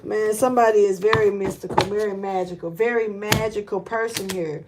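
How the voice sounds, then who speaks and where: A woman's voice: mid-range voice, steady tone, a little fast, very noisy. A woman giving a casual spiritual tarot reading, talking in a loose, rambling and blunt way with slang and cursing, earnest and urgent, with frequent repeats and restarts. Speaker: tarot reader.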